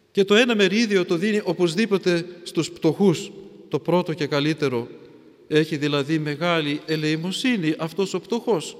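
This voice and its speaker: High-voiced preacher in a reverberant hall. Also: male voice. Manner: slow, emphatic, repeats phrases, asks listeners questions. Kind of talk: sermon.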